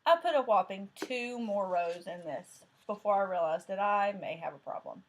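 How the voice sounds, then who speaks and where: On a rough recording, a woman from Tennessee with a thick Southern accent chats about cross-stitch while hosting a crafting vlog. Her mid-range voice is animated and moves at normal speed, and she rambles, leaning on fillers and frequently correcting herself.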